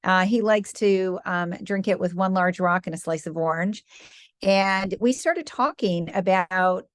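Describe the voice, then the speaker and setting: Guesting on a podcast interview, a fifty-something woman from Michigan in the US Midwest, who founded a company, tells her story warmly and laughs lightly along the way. She talks a little slowly in a low-side, clean-toned voice, and the clean studio recording has no echo.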